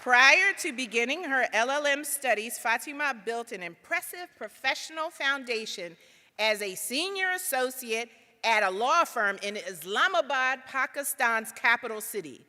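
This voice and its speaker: Bright-voiced woman dean introducing a speaker. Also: fairly high pitch, expressive, moderate pace, a faint crowd. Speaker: law school dean. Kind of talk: ceremonial introduction. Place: large auditorium. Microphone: podium microphone. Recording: auditorium with long reverb.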